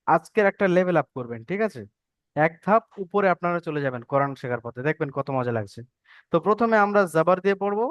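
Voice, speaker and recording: A man's voice: high-pitched, smooth, no echo, clean studio sound. A man teaching an online Quran reading class over a video call, patiently repeating points and drilling letter sounds.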